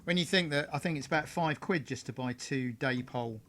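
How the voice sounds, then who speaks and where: A man hosting a live stream on model railway crafting speaks briskly in a mid-range voice, with background noise audible. As a hobbyist host, he's rambling and chatty, with lots of fillers and backtracking.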